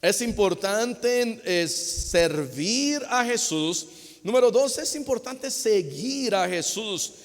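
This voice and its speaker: A man preaching a sermon as pastor, lively and acting out small dialogues. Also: sits high, slow. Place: church hall. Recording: long hall reverb.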